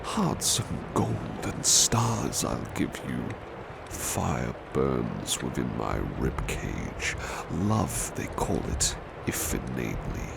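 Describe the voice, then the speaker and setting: A man plays a butler with a very deep, gravelly, exaggerated voice, reading poetry at bedtime in a soft-spoken ASMR roleplay. The character is formal, competitive and touchy, and his verse delivery is dramatic and slightly prickly. Heavy background noise runs throughout.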